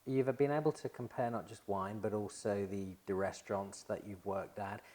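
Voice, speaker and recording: A man's voice: lowish voice, fairly even intonation, normal speed, warm tone. Jokey male wine show host. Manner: jokey, chatty presenter. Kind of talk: presenting and interviewing.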